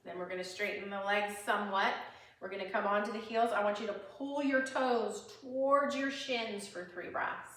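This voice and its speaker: Bright-voiced woman leading chair yoga. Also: medium pitch, steady tone, normal speed. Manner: encouraging, talks through each move with breath cues and small laughs. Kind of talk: guided exercise instruction. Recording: echoey room, mic at a distance.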